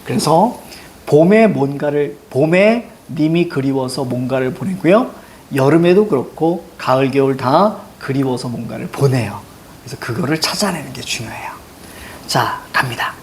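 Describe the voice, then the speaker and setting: A man's voice: medium pitch, animated, moderate pace, darkish tone, slight background noise. A middle-aged man teaching a class on classical poetry, chatting with students and acting out anecdotes with a raised voice. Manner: chatty, tells stories and acts out quotes with a raised voice.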